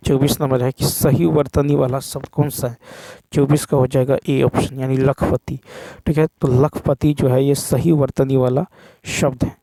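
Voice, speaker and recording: A man's voice: mid-range voice, level tone, moderate pace, gravelly, warm tone, dry recording. A man teaching as he walks through exam questions one by one, repeating key points and checking in with "ठीक है". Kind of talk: exam answer walkthrough.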